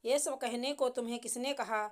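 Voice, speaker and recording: A woman voicing a young married woman who is hurt and angry, speaking in a sharp, scolding way. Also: a little high, steady tone, moderate pace, close to an everyday voice. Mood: stern.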